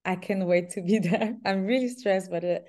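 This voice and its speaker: A young woman from Canada, a singer, answering interview questions over a video call in a hesitant, halting way. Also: medium pitch. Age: young adult. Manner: hesitant, restarts often, laughs softly. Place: small room indoors. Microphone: laptop webcam on video call.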